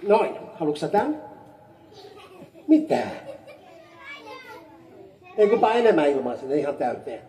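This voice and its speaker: A woman doing a playful magic show for children, teasing her young helpers and calling out the magic words. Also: long pauses. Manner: teasing, animated, bursts into high calls on magic words. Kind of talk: playful stage patter with a child audience. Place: amusement park show area. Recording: roomy, distant sound with faint ambient noise.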